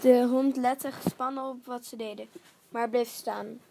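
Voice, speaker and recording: A woman reading a children's story aloud, calm and steady, sometimes dropping to a near whisper, with small slips as she reads. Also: on the high side, a little slow, creaky, a little hiss or hum.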